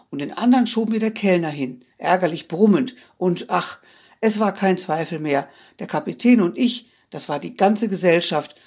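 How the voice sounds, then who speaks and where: A narrator reading classic literary prose aloud in an expressive, wistful first-person style. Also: mid-range voice. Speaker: audiobook narrator.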